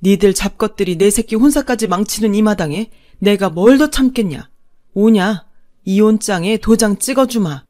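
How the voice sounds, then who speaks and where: A woman voicing a long-suffering older mother-in-law who speaks in a forceful, cutting way. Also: medium pitch, normal speed, natural voice. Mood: defiant.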